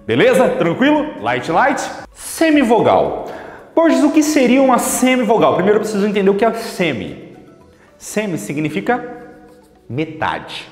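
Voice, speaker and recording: A man teaches with playful, theatrical energy, asking himself questions and then answering them. His pitch jumps around a lot. He sounds like he's in an echoey room with a long tail of reverb and faint music underneath. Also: wildly swooping pitch, a little slow. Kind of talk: energetic video lesson.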